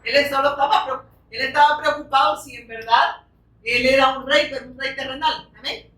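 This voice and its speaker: Woman preacher, bright higher voice, delivering a fervent sermon; recorded from a distance in a reverberant church. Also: steady tone, normal speed. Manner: fervent, frequent rhetorical questions and amens. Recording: echoey room, distant from the mic.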